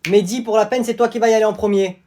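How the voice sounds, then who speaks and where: A man's voice: sits high, steady tone, quick pace, darkish tone, lightly acted. A man playing a strict male schoolteacher who speaks curtly and with authority. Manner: curt, authoritative.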